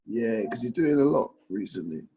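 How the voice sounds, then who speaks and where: Dull-sounding, gravelly man, slangy. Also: medium pitch, animated, moderate pace, warm tone, slight background noise. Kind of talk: casual chat.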